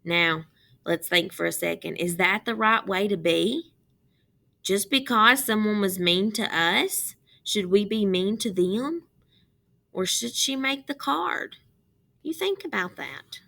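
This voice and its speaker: A woman with a gravelly, medium-pitched voice reads a picture book to children in an expressive, deliberate manner, pausing to pose questions.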